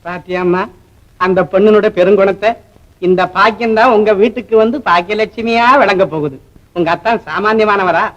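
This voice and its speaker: A man's voice: high-pitched, brisk, fairly bright tone, dull audio. An actor playing an older man who chides and soothes in a fatherly way in a classic film. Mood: admiring.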